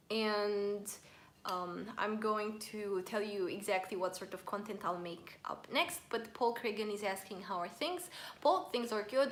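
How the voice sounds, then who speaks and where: Eating during her live stream, a chatty woman vlogger reads out comments from viewers and keeps the conversation casual. Her voice is medium in pitch and a little bright, and she is in a spacious room.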